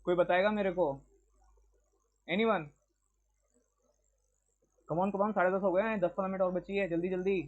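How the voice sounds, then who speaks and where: A man's voice: sits high, little pitch movement, moderate pace, pauses often. A man teaching a class, quizzing students and switching between Hindi and English. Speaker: lecturer. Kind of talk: classroom lecture. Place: classroom with a board. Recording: dull lo-fi classroom recording.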